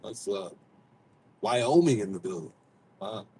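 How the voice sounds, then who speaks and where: A man's voice: lowish voice, animated, measured pace, warm tone, a little hiss or hum. A man chatting casually and playfully on a livestream as host, with slightly slushy speech from missing teeth, talking in a car. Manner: playful, slangy, informal. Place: inside a moving car.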